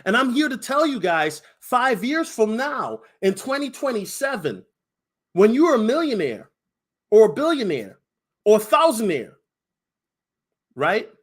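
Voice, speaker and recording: A man hosting an excited exposé-style commentary for viewers, emphatic and slangy, repeating himself for effect, with sarcastic, mocking asides. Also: very high voice, measured pace, long pauses, slightly rough. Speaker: crypto video host.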